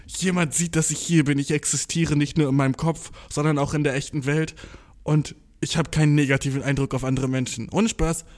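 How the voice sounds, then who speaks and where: A man's voice: a little high, a little fast. Slangy, swearing young man telling a story. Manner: slangy, swears a lot, mixes English words; self-mocking, excitable, stumbles over words. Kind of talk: casual storytelling monologue.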